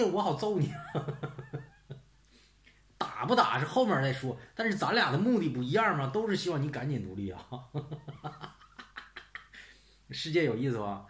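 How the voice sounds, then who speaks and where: A man's voice: mid-range voice, fairly bright tone. A man hosting his own channel, ranting in a blunt, sarcastic, casual way. He swears often and keeps throwing out rhetorical questions. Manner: rhetorical questions, "是不是" tag. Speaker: channel host. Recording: roomy echo.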